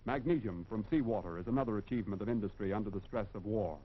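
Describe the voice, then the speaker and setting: A man's voice: on the low side, fast talker, breathy edge. An American man reads scripted narration for a 1940s industrial film in a formal, instructive and emphatic manner. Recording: dull, band-limited vintage film soundtrack.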